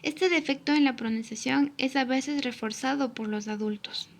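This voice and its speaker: A woman's voice: high-pitched, normal speed, slight background noise. A young woman student reading a language tutorial aloud from a script, steadily spelling out examples. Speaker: student presenter. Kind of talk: read-aloud tutorial narration.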